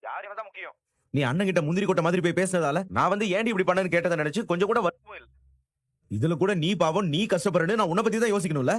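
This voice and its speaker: A raging boyfriend, fast sarcastic rants, fairly high voice, tv serial. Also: male voice, dry recording. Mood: angry. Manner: angry, sarcastic, dismissive. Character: hot-tempered young man snapping at his girlfriend. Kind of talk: TV serial acting.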